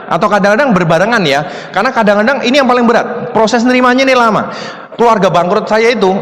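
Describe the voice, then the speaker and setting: A man's voice: sits high, a bit bright. A man giving a live seminar talk as a motivational speaker, plain-spoken and conversational, acting out little exchanges with a joking touch. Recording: long hall reverb from a live talk.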